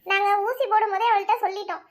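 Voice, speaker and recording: A woman voicing a calm, reassuring female hospital doctor in a cartoon, explaining patiently. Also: very high voice. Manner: measured, explaining.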